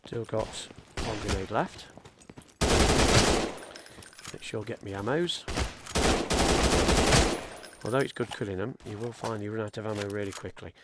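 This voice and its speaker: Chatty man over loud gunfire. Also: on the low side, unhurried, long pauses, very noisy. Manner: chatty, explaining controls while playing, frequent fillers. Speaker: gaming video creator. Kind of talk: casual gameplay commentary. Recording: loud game gunfire behind the voice. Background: loud gunfire and game sounds.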